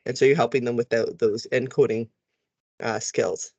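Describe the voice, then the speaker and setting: Man, teacher trainer, relaxed explanatory tutorial, models letter sounds, dry close audio. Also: medium pitch, moderate pace, creaky, no room sound, dull audio. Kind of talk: recorded tutorial walkthrough.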